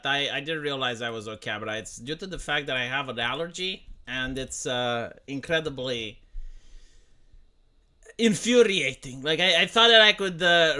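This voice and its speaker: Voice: medium pitch, very animated, normal speed, pushed and bright. A streamer in their thirties from Romania, rambling to chat in a profane, stop-start way. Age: 30s. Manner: rambling, profane, full of restarts. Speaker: livestreamer. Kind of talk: casual livestream commentary.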